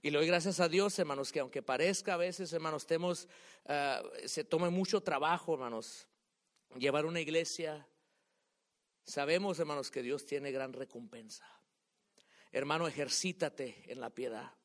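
A man preaching a sermon to his congregation, swinging between loud calls and quiet asides, dropping English words into his speech. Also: on the high side, moderate pace. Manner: rises and drops in loudness, mixing English words in.

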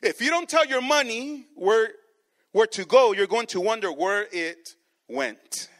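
Slowly and animatedly, in a high, fairly bright voice, a pastor preaches to his congregation line by line in one language, then repeats each in the other. Again and again he calls them brothers.

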